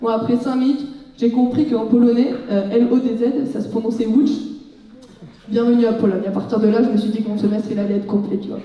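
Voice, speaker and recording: A young French woman telling a humorous story about her student exchange, lively and joking, acting out bits of dialogue. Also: a little high, fast, muffled recording. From France. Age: young adult. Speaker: student speaker. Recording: echoey hall, heard from far off.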